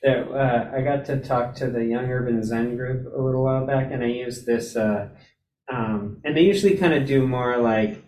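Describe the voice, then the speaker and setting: A man's voice: moderate pace, darkish tone. Chatty man laughing, echoey hall. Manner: chatty, amused, laughs through his story. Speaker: Zen practitioner sharing an anecdote. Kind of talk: casual group discussion. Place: Zen center meditation hall. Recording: echoey hall, distant mic, faint rumble.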